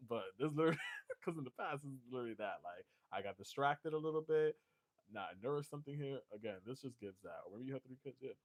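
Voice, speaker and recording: A man's voice: mid-range voice, sing-song, fast. Joking, loose-talking man reading tarot. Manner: loose, joking, swears, laughs often. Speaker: tarot reader.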